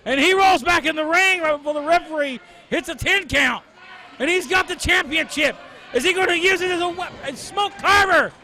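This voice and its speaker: Male wrestling commentator, very high bright voice, dramatic exclamatory calls, crowd behind. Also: a little fast. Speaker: wrestling commentator, calling the play-by-play. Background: crowd at a wrestling event.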